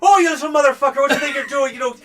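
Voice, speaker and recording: A woman's voice: high-pitched, rapid-fire, voice pushed up, natural voice. A man doing a tiny, swearing ship's cook woman. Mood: furious. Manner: swearing, scolding. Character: tiny foul-mouthed woman ship cook.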